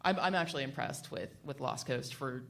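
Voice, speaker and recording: A rumbling low voice with vocal fry and a fairly bright tone comes from a woman talking fairly quickly. On a live radio panel at a venue, she speaks off the cuff, rambling, correcting herself, and dropping casual asides.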